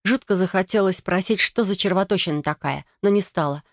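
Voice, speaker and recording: A woman narrating a first-person fantasy audiobook in an even, wry storytelling manner. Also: medium pitch, brisk, no echo, clean studio sound.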